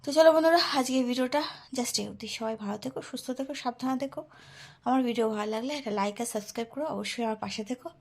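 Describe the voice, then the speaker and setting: A woman's voice: fairly high pitch, very fast, darkish tone. A young woman chatting casually to her viewers in a daily vlog, often saying "so come, friends". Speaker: vlogger.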